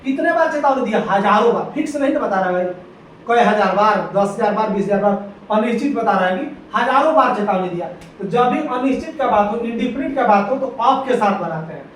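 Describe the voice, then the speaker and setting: A man's voice: high-pitched, animated, brisk. A man teaching English grammar for exam prep, repeating key points and often checking that students follow. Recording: echoey room, distant mic, faint noise.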